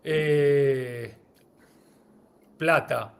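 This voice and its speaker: A man's voice: mid-range voice, extremely slow, creaky. A man co-hosting a live-streamed podcast, greeting viewers and running a word-association game. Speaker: podcast co-host.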